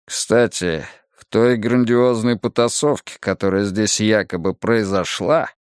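A man's voice: fairly low pitch, steady tone, measured pace, clean tone, no echo, studio quality, close to an everyday voice. A man doing a sour, muttering male detective. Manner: muttering, resentful.

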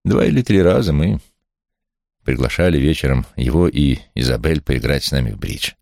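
Male audiobook narrator, very low and gravelly, wry first-person delivery, dry studio sound. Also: animated, moderate pace, a little mellow, dry recording. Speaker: audiobook reader.

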